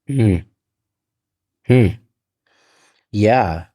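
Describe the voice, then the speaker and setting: Tired male co-host, low voice, laptop-mic sound, dry, relaxed and hesitant. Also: drawn-out words, no echo. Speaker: podcast co-host. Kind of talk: casual chat. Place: neighbor's apartment. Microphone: laptop built-in microphone.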